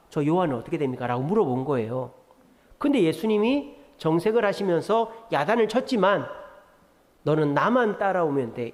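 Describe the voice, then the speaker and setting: A man pastor preaching a Friday prayer-meeting sermon, lively and expressive, acting out quoted lines. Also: a little high. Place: church sanctuary. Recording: reverberant church hall.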